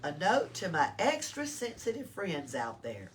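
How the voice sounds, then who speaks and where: This older library storytime reader, in a small-town library, has a lowish voice whose pitch swoops wildly, and she speaks a little slowly. She reads to young children, explaining simply and drawing them in with questions. A distant mic captures it along with background noise.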